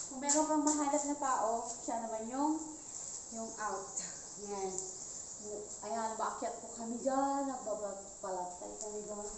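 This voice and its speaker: High-voiced Filipina vlogger in a noisy outdoor recording. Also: female voice. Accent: Igorot-region Philippine accent. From rural Ilocos Sur, Philippines. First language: an Igorot language of the northern Philippines. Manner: halting Tagalog mixed with English, polite. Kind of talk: casual walking vlog tour. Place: outdoors in a rural village.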